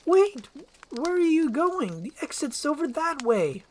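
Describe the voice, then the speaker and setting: A woman's voice: high-pitched, big pitch swings, a little slow, voice pushed up. A woman voicing a young, romantic, demanding fairy-tale princess with theatrical, formal storybook speech. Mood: indignant.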